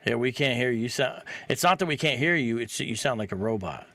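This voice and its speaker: A man's voice: mid-range voice, lively intonation, fast, sharp tone, dry recording. A man hosting a live online talk show, easygoing and casual, calling his guests bro and man.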